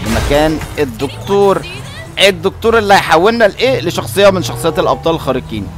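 Excitable Egyptian man with a lively, high voice. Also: very fast. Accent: Egyptian Arabic. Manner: excitable, joking, often shouting. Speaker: gaming video host. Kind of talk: playful gameplay commentary. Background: game music.

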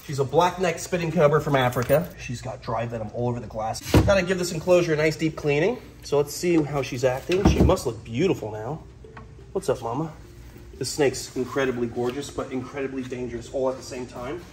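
In an echoey indoor reptile room with a concrete floor, a young man who keeps snakes hosts a casual wildlife vlog. A young adult, he talks fairly quickly at a medium pitch with playful, enthusiastic energy, and the recording is very noisy.

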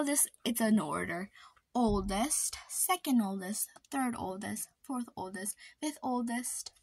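A woman's voice: fairly high pitch, gravelly, a little mellow, slightly rough, no echo. A woman chatting to camera, gossiping about her sisters in a dramatic, indignant way, full of "like", now and then dropping to a whisper for secrets. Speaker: vlogger.

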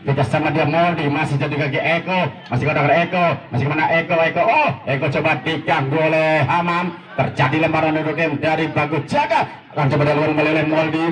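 A man's voice: a little high, quick pace, a bit bright. Echoey male football commentator. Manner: repeats players' names. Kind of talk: live play-by-play commentary. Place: outdoor village football ground. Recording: echoey PA, distant, crowd noise. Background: crowd.

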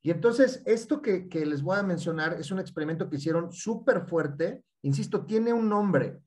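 An animated man with a Mexican accent talks through his ideas in a relaxed, explanatory way. His voice sits a little high for a man, and he keeps stringing points together. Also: moderate pace. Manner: animated, repeats "y entonces". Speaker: guest speaker. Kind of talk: casual explanatory talk.

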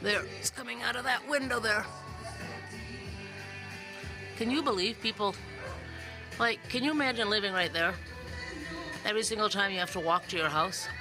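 The recording is low quality, with music under a middle-aged woman's medium-pitched voice as she talks a little fast. Vlogging with a phone or camera at arm's length, she is casual and emphatic and often repeats words for effect. Most of the clip takes place outdoors in hilly town streets, the rest indoors.

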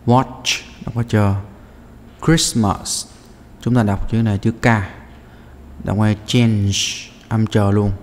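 Low-voiced male teacher, reverberant room. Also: level tone, a little slow, darkish tone, a little hiss or hum. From Vietnam. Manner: explains step by step with many "à" fillers. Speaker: English teacher. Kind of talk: walking through test answers.

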